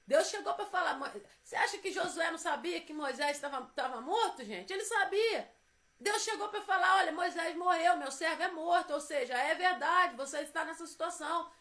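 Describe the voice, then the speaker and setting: A woman's voice: extremely high pitch, bright, forceful tone. A woman preaching a devotional sermon, emphatic and repetitive as she urges her listeners on.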